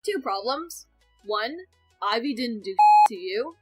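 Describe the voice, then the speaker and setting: A woman's voice: a little high, expressive, slow pace, loud music behind the voice, poor audio. A young woman hosting a casual reaction chat with a friend, rambling, correcting herself and laughing as she goes. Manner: chatty and rambling, with sudden laughs and self-corrections. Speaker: video reactor, channel host.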